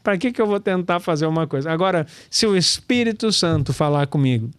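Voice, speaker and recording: A man's voice: fairly high pitch, lively intonation, fairly quick, smooth, no room sound. A man, teaching scripture in a casual, chatty way, calling listeners brother and laughing often. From Brazil. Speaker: pastor and Torah teacher.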